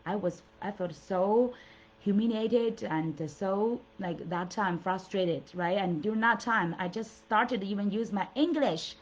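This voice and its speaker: With a medium-pitched voice at a measured pace, a middle-aged Mandarin-speaking woman from China delivers a motivational talk as coach and host. She's earnest and encouraging, with frequent fillers and restarts, and the recording is dull lo-fi.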